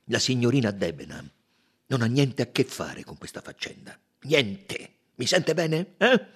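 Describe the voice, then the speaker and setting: A man's voice: mid-range voice, huge pitch swings, measured pace, slightly rough, voice pushed up, full character voice. A man reading aloud and voicing an angry, blustering male colonel who threatens and warns. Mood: warning.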